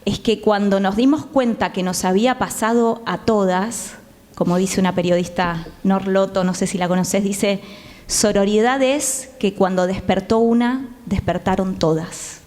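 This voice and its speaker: A woman with an Argentine accent, speaking at medium pitch and a moderate pace, her voice slightly mellow. She's a guest on a live panel in a theatre, talking conversationally and searching for her words. The hall is reverberant.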